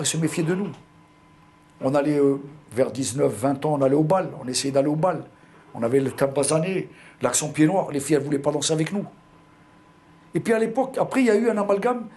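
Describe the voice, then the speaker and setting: Here the older Algerian interviewee, pied-noir French accent intact, reminisces with hesitations and repeated words. His pitch is fairly high, yet the tone is darkish.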